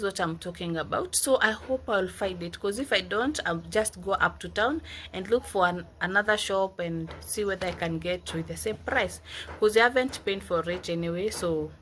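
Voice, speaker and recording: A woman's voice: mid-range voice, moderate pace, a little hiss or hum. A woman chats loosely to her viewers, rambling from one thing to the next. Her tone is easygoing and conversational, like a casual unboxing vlog. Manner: chatty, rambling, keeps addressing viewers as "guys". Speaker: vlogger.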